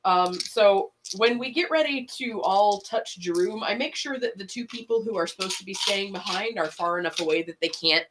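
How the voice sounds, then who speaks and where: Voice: medium pitch, normal speed, few pauses, background noise. A tabletop game player in casual table chat.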